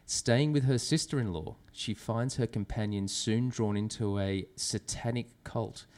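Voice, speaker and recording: A man's voice: lowish voice, measured pace, a little mellow. A man who is a returning guest on a podcast, reading out film synopses in casual chat and laughing at his own lines.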